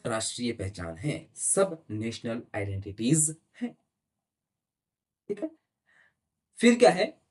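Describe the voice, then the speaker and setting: A man's voice: medium pitch, huge pitch swings, takes it slowly, pauses often, a little mellow. A male teacher giving a lecture and explaining terms step by step, who often asks rhetorical questions and checks with "right?". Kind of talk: classroom lecture in Hindi mixed with English terms.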